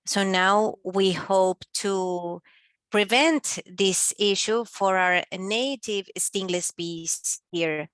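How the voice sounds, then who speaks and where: Woman, simultaneous interpreter, halting delivery, dry close recording. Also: medium pitch, fairly bright tone, no room sound. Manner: halting, with pauses and filler sounds.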